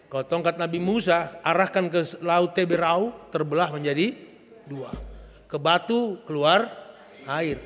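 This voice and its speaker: A male pastor preaching a lively, joking sermon with an Indonesian accent, swelling into loud emphatic bursts. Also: fairly high pitch. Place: church sanctuary. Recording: long church reverb.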